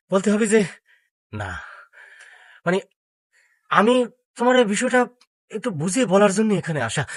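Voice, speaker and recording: A bashful, lovesick village suitor who rambles and hesitates through flowery confessions in a Bangladeshi Bengali accent. His voice sits a little high and sounds dry and close, with no room echo. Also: slightly rough. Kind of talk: television drama acting.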